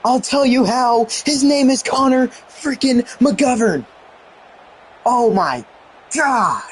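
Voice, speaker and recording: A young man giving excited commentary on a football video game he is playing, exclaiming and mildly swearing. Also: very high voice, slow pace, breathy edge. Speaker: gaming YouTuber.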